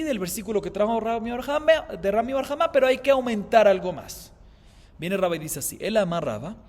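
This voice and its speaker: A man, a rabbi, teaching a Talmud class, explaining by asking and answering his own questions and chanting Aramaic quotations slowly. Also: sits high, long reverb tail. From Colombia.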